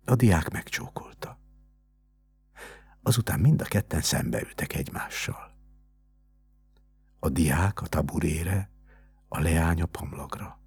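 Deep gravelly male storyteller. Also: expressive, pauses often, darkish tone, soft background music. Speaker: narrator. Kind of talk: scripted narration.

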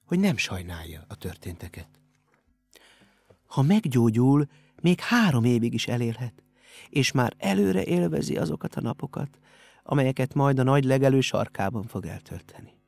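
A man narrating an audiobook in a steady storytelling manner. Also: fairly low pitch, creaky, husky, dry recording. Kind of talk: scripted narration.

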